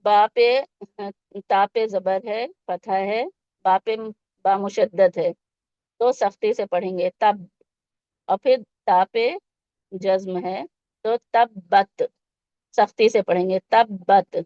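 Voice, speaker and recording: A woman's voice: medium pitch, fairly even intonation, pauses often, dark tone, no room sound. Woman teacher, patient and step-by-step, coaching kids through recitation with English words mixed in; dry, dull lo-fi recording. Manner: patient step-by-step explaining, asking the children questions. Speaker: Quran teacher for children. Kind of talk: tajweed lesson with slow recitation.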